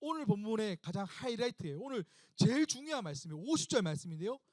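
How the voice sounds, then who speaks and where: A male pastor with a notably high voice preaches to a young congregation. He tells the story with emphatic repetition and turns again and again to the listeners with questions. The sound is dry and close. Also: big pitch swings, fast talker, dry recording. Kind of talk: sermon to a young adults' service.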